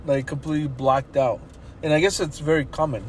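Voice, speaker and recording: A man's voice: fairly high pitch, steady tone, a little fast. A man co-hosting a podcast, chatting casually and joking in a loose, rambling way. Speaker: podcast co-host. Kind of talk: casual chat. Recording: background noise.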